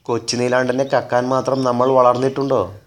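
A sly, bold elephant thief, read by a man in a storybook tale, speaking in a coaxing, conspiratorial way at a steady middle pitch. His tone stays scheming, even when the plan goes wrong. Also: normal speed, natural voice.

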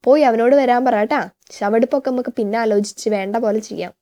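A woman's voice: fairly high pitch, brisk, mellow, lightly acted. A woman voicing a sly, sarcastic middle-aged male parish priest in a read-aloud story. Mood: mocking. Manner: sarcastic, needling.

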